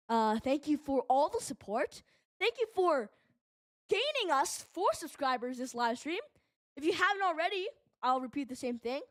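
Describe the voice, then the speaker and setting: A woman hosting a live fan stream, calling hockey play-by-play in a rapid, excited way and rambling in chatty asides. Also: high voice, no room sound, clean studio sound.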